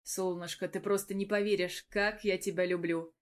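A woman's voice: mid-range voice, fairly even intonation, moderate pace, natural voice. A woman voicing a teasing young man who talks affectionately to his girlfriend. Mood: tender. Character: young man, jealous lover, joking.

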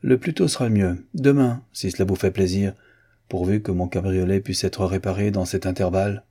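A man voicing a boastful, reckless young gentleman in an audiobook reading, excitable and brash. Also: low voice, fairly quick, slightly rough.

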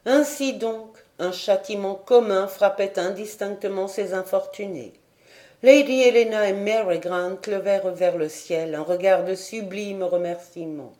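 A woman reading a classic adventure novel as an audiobook, with measured, even storytelling. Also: mid-range voice. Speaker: audiobook reader.

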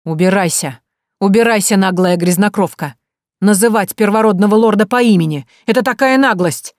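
Woman reader doing a snooty shrill noble lady, lowish voice, dry sound. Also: brisk, a little mellow, no room sound, natural voice. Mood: furious. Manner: contemptuous, shrill when angry. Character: haughty noble lady, a shrieking mother.

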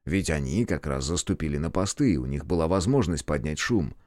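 A man narrating a first-person audiobook in a calm, measured way. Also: rumbling low, no room sound, clean studio sound.

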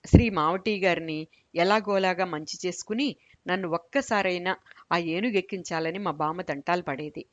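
Low-voiced woman telling a story. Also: moderate pace, dry recording. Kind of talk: storybook narration. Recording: dull lo-fi recording.

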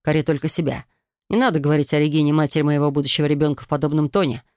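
A woman's voice: deep voice, fairly even intonation, very fast, darkish tone, clear, resonant tone, no echo, clean studio sound, natural voice. A woman reading an audiobook, voicing a cold, contemptuous husband who talks bluntly and scornfully. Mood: dismissive. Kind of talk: audiobook character voice.

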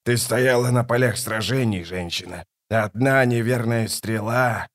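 A man voicing a scornful ancient tyrant king in a dramatized audiobook, contemptuous and rising to furious shouts. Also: mid-range voice, unhurried. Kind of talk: audiobook reading with character voices.

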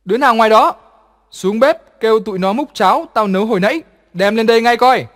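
A man voicing a cruel, two-faced young daughter-in-law in a read horror story, giving sharp, bossy commands. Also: a little high, normal speed, natural voice. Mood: commanding. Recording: long reverb.

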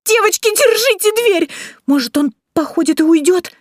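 A woman's voice: extremely high pitch, expressive, moderate pace, dry recording, clean studio sound, pitched above the performer's own voice. A woman reading aloud while voicing a frantic young woman who squeals and shrieks in panic. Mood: panicked squeal.

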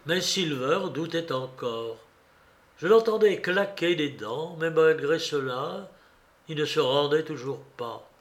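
Slow, measured male radio reader. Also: fairly high pitch, expressive. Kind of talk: literary reading for radio.

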